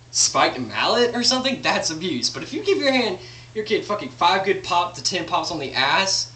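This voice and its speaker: A young man rants bluntly and profanely to the camera in a lively, up-and-down voice with a bright edge. The mic sits a few feet away in an echoey room with a faint hum behind it. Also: a little high. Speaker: vlogger. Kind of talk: profane opinion rant. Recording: roomy echo, distant mic, faint hum.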